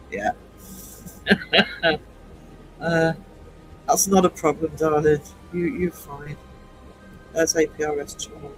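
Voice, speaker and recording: Over a low-quality recording, a sixties-aged livestream host with a somewhat high, bright voice reads viewer comments out loud. He keeps the chat casual, laughing often and teasing.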